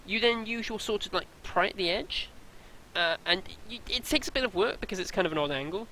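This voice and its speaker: A man's voice: high-pitched, brisk, sharp tone, slight background noise, low-quality recording. A man running a tabletop role-playing game, narrating the scene with many fillers and restarts. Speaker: game master.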